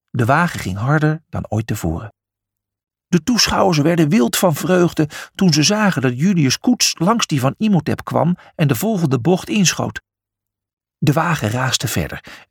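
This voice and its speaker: A man's voice: a little high, slightly rough, no room sound, studio quality. A man narrating a children's adventure story, reading expressively.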